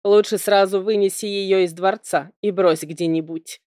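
A woman's voice: mid-range voice, steady tone, normal speed, a little mellow, dry recording, studio quality, natural voice. A woman reading an audiobook, voicing a snide, irritable young prince who sneers.

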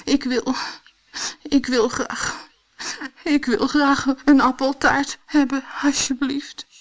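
A woman's voice: on the low side, measured pace, natural voice. A woman voicing a sad little man in a storybook, plaintive and sniffling. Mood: mournful. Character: sad little man, always gloomy and weepy. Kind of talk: audiobook character voice.

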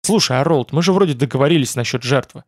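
A man's voice: medium pitch, fast talker, no room sound, clean studio sound, lightly acted. A man voicing a wry, easygoing young man who jokes and teases in an audiobook. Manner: joking, mildly sarcastic.

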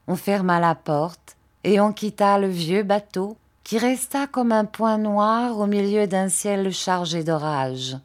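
A woman narrating a classic novel as an audiobook reader, in a calm and measured reading. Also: medium pitch.

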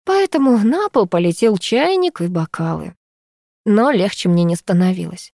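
A woman narrating a novel in the first person, reading in a steady, even way. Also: medium pitch, moderate pace, gravelly, no echo, clean studio sound. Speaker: audiobook narrator.

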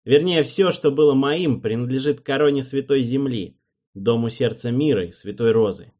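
A man reading an audiobook, voicing a cold, cunning advisor who speaks in a deliberate, icy manner. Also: medium pitch, dark tone, voice pushed up, natural voice.

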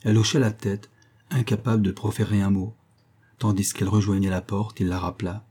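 Man, audiobook narrator, scripted literary narration, low voice, husky, measured. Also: fairly even intonation, mellow.

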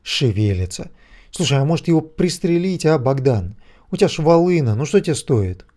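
A man's voice: a little high, very animated, moderate pace, warm tone. A man voicing a frightened, whiny young bandit who pleads and hesitates, in a storybook reading. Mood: pleading.

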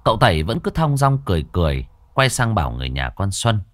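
A man telling a ghost story with dramatic, vivid narration. His voice is low but swings widely in pitch. The recording is dry and close. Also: very animated, quick pace, no room sound.

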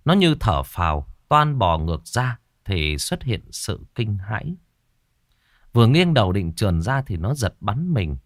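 A man's voice: lowish voice, measured pace, dry recording, clean studio sound. Man telling a ghost story. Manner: lively, dramatic telling.

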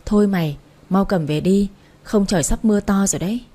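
A woman's voice: mid-range voice, brisk, dark tone, natural voice. A woman voicing a bossy but kind middle-aged woman butcher in an audiobook story, blunt and affectionate. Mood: brisk.

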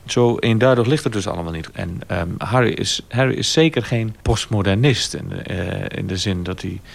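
A man giving reflective radio commentary, speaking thoughtfully with pauses. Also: fairly low pitch, gravelly. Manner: thoughtful, pausing with fillers.

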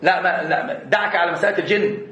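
A man teaches an Islamic creed lesson at a rapid clip in a high, bright voice. He keeps restarting words and stammering through repeats. The sound carries a lot of room echo. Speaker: religious teacher.

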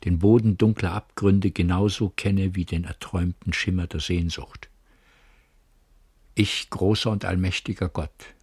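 A man's voice: deep voice, slightly rough, no echo, full character voice. A man voicing an old, weary friar praying in guilt, grave and inward, in a radio drama reading.

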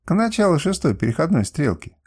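A man's voice: a little high, big pitch swings, brisk, a little mellow, husky, voice pushed up. A man doing a sly, amused island ruler. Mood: smug. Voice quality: smug, laughing.

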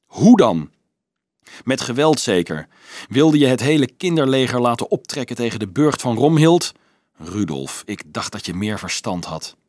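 Casting: level-headed young student, dry wit, lowered voice, from a male reader; close, dry sound. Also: moderate pace, no room sound, lightly acted. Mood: reasoning. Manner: calm, dry, sometimes pleading. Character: calm, mocking young male student, reasoning.

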